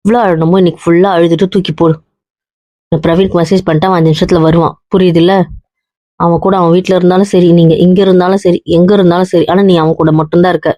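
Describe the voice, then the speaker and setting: A woman's voice: on the low side, flat delivery, fast, dark tone, no echo, close to an everyday voice. A young woman acting as a blunt married woman who lectures and comforts her heartbroken cousin, always asking if he understands. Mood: blunt teasing. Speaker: actor in a web drama. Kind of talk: web series drama acting. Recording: dull, muffled dry audio.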